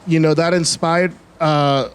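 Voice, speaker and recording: This interview guest, a forties-aged filmmaker with a Bahamian-American accent mix, talks reflectively and casually, often using fillers and starting over. His fairly high, clean-toned voice keeps fairly even intonation and a measured pace.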